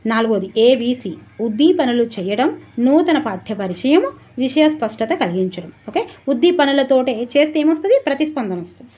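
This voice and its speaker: A woman teacher giving a brisk, chatty exam revision lesson and turning aside to talk to viewers. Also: high voice, animated, warm tone, slightly rough.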